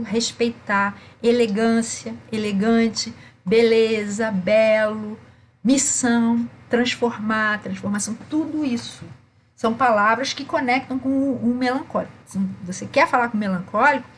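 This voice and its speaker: A woman's voice: fairly high pitch, slight background noise. A woman presenting a teaching webinar, tagging her sentences with "né?" and reading out lists of words. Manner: frequent "né?" tags, lists words.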